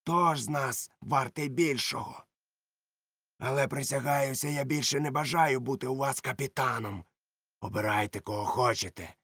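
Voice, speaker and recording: A man reads a cunning one-legged pirate cook who bosses a crew of cutthroats, barking threats one moment and purring scorn the next. The voice sits at an ordinary male pitch and sounds close and dry. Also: moderate pace, no room sound. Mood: sly. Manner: swings from roaring threats to sly soft mockery. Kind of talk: audiobook character reading.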